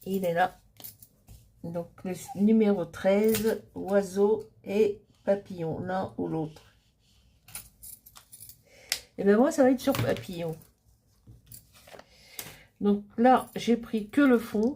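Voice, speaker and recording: A middle-aged woman chatting casually as she walks through a crafting project. Her voice is soft and mellow, and she takes her time, with relaxed pauses and frequent fillers between thoughts. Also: medium pitch, slightly rough. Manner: chatty, hesitant, many fillers.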